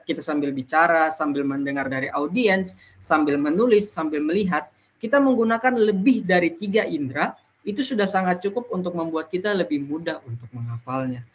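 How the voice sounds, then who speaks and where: Explanatory presenter, slide talk, point-by-point delivery, mid pitch. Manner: explanatory, walks through numbered points with frequent "nah". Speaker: presenter speaking to peers.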